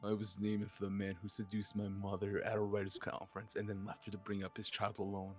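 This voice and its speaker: A man's voice: lowish voice, quick pace, faint music behind, natural voice. A man reading out a young male writer's murder confession in a murder mystery role-play. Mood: bitter. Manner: reads a dramatic confession in an even voice.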